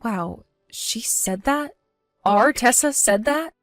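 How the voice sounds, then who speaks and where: A woman's voice: medium pitch, unhurried, no echo, faint music behind, close to an everyday voice. An actress playing a guilt-ridden mother who blames herself, with a self-reproaching, pleading delivery, in a dry close recording. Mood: disbelieving.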